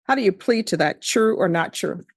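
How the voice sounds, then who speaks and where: A woman judge in a courtroom recording, formally reading case numbers and charges in a measured, procedural way. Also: mid-range voice, animated, slightly rough, dry recording. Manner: measured, procedural, repeats formulaic questions.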